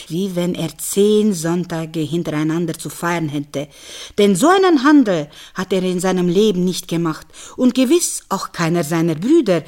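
A woman reading a fairy tale aloud in an expressive, animated storytelling manner. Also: lowish voice.

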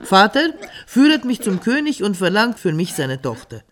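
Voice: mid-range voice, very animated, moderate pace, fairly bright tone. A storyteller voicing a bold talking boar son in a fairy tale reading, eager and insistent.

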